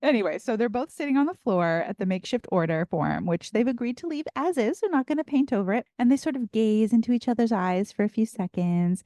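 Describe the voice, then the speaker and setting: A woman co-hosting a podcast, recapping an episode in a chatty, animated way and laughing often. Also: fairly high pitch, fast talker, few pauses, dry recording, studio quality. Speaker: podcast co-host. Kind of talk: casual recap chat.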